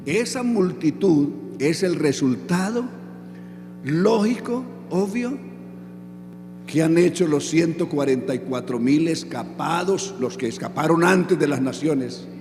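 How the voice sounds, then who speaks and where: A man preaching a sermon who keeps asking the audience questions and then answers them himself. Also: fairly high pitch. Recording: echoey hall with music underneath.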